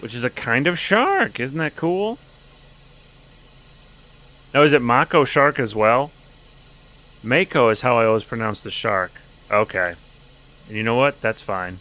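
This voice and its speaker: A man's voice: mid-range voice, lively intonation, a little slow, long pauses, sharp tone. A man streaming a video game, chatting casually with jokes and swearing as he plays. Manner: chatty, joking, profane. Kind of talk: casual gameplay commentary.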